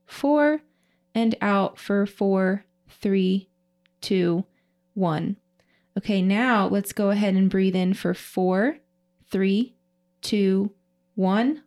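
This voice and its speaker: A woman podcast host guiding a breathing exercise, counting breaths slowly and in a measured way. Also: medium pitch, a little mellow.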